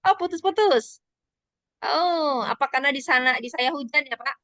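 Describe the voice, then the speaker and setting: A woman's voice: sits high, lively intonation, moderate pace, fairly bright tone, no room sound. A woman acting as MC, asking a polite question on a video call whose sound keeps breaking up. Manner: polite, many "ya" and "Pak" tags. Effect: choppy, breaking-up video-call audio. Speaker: MC of an online seminar.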